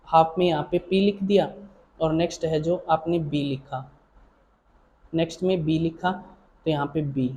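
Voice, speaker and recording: Mellow-voiced patient male shorthand teacher. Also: fairly high pitch, slight background noise, poor audio. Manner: patient, repetitive, checks in with "theek hai na"; addresses students fondly as child or dear. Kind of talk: explaining a lesson.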